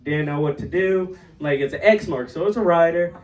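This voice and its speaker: A young man doing a stand-up set, telling stories and jumping into high, acted quotes. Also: normal speed. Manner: storytelling with bursts of high-pitched acted quotes. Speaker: stand-up comedian. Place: comedy club stage. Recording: roomy club sound from far off.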